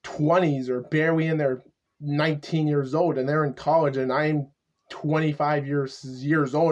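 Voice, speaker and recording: A man in his twenties talking to the camera in a casual vlog monologue, halting and repetitive, stuttering often. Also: fairly high pitch, darkish tone. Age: 20s. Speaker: YouTuber. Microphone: camera mic.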